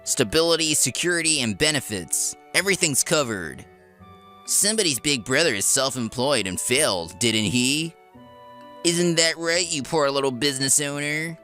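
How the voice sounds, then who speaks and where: A man's voice: a little high, expressive, normal speed, sharp tone, faint music behind. A man voicing a smug, spiteful younger brother in a comic dub. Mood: smug, mocking. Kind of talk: comic dub character acting.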